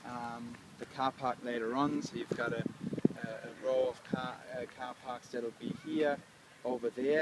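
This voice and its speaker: A man in his thirties with an Australian accent, a council project manager giving a relaxed walkthrough outdoors with many ums and restarts. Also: mid-range voice, noisy background. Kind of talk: casual on-site walkthrough. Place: outdoors at a construction site. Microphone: lapel mic.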